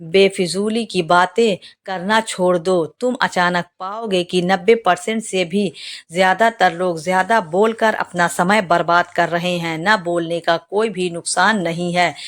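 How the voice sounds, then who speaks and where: A woman narrating a motivational story in a calm, even way, now and then restarting a word. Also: on the low side.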